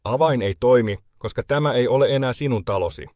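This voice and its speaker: A man voicing an unshakable widowed grandmother who speaks calmly and coldly. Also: medium pitch, dry recording, clean studio sound, lightly acted. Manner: calm, clipped, cold. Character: cold, unshakable widowed grandmother, older woman.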